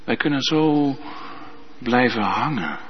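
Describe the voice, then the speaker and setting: A man preaching a sermon as pastor, slow and emphatic, often ending points with a tag question. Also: mid-range voice, expressive, slight background noise. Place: church. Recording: dull sound with long church reverb.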